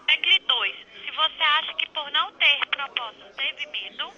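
A young adult woman reading automated phone survey prompts in a measured, even, announcer-like way, heard over a phone line. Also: high voice. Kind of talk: recorded phone poll prompts.

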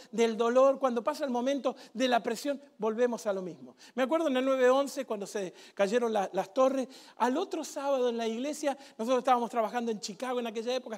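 A man preaching a sermon, animated and sarcastic, leading the congregation in call-and-response. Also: very high voice. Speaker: pastor.

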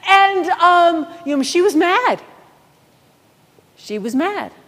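A woman pastor preaching a sermon, telling a story in a lively storytelling manner. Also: very high voice, slow pace, in a large hall.

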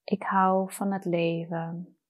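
A woman leads a guided meditation in a slightly low voice. Her delivery is very slow and soft, with long pauses between phrases. The manner is soothing and unhurried. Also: little pitch movement.

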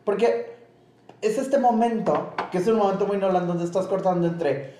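A young Mexican man co-hosting a casual film chat, animated and slangy, acting out quotes as he talks. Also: high-pitched, normal speed, roomy sound, rough recording. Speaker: podcast co-host.

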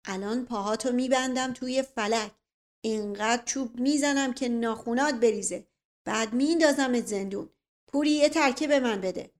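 A woman's voice: a little high, close to an everyday voice. Woman doing a mean old colonel barking threats. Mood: threatening. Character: older male colonel uncle, bullying and threatening.

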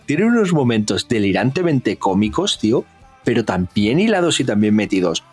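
A man, co-hosting a casual film review podcast, retelling scenes with animated bits of dialogue. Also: normal speed, husky, faint music behind. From Spain. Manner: animated, acts out film dialogue in raised pitch. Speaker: podcast co-host.

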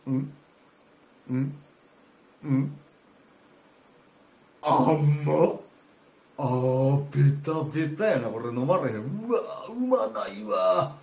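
A man's voice: a little high, animated, slow, vocal fry, pauses often, a little mellow, exaggerated voice. A man voicing a snobbish, boastful male guest in rakugo storytelling, with a Kansai accent and drawling, scornful complaints. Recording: roomy with faint ambience.

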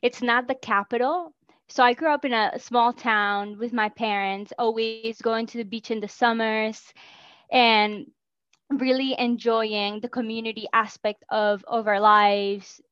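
Higher-pitched woman on a muffled call. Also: steady tone, measured pace, fairly bright tone, smooth, no room sound. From Peru. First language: Spanish. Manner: earnest, reflective, frequent "like" fillers. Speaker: interview guest. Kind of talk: casual interview talk.

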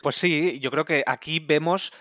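A man with a fairly high voice speaks in a casual podcast conversation, keen and steady as he moves things along. The sound is close and dry, with little room echo. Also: a little slow. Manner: guides the talk forward, enthusiastic. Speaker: podcast host. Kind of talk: casual film discussion.

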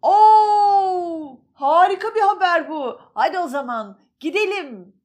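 A woman voicing a kind, music-loving old male donkey in a children's storybook, with a bright, excited manner. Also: extremely high pitch, slow, voice pushed up, full character voice. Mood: cheerful.

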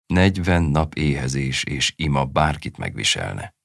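A man voicing a stern, weary male herder and father in an audiobook story, terse and low-key. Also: very animated, creaky, no echo, clean studio sound, exaggerated voice. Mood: grave.

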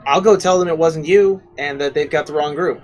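A man's voice: a little high, a little fast, darkish tone, voice pushed up, close to an everyday voice. A man voicing a nervous captured informant in a tabletop game, stammering and eager to please. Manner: stammering, anxious, pleading.

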